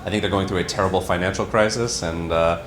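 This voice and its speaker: Bright-voiced man in an echoey room. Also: low voice, fairly even intonation, fast. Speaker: podcast co-host. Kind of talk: casual chat.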